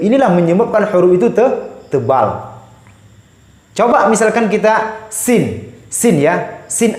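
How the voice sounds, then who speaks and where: A man teaching Quran recitation rules, speaking slowly and patiently, repeating each sound many times to show it. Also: on the high side. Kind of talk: recorded tajwid lesson. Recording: echoey room.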